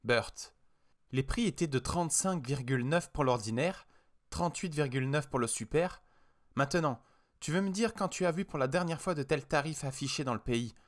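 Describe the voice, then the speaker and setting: A man's voice: on the high side, normal speed, voice pushed up, close to an everyday voice. A man voicing a frightened insistent wife. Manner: pleading, sharp and insistent. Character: frightened, insistent young wife on a road trip. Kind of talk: audiobook character voice.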